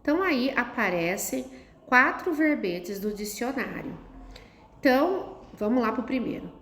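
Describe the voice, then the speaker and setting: A woman's voice: fairly high pitch, a bit bright. A woman teacher, patiently explaining a lesson to children step by step and checking in with "tá?". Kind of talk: recorded classroom lesson for children. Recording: echoey room, faint noise.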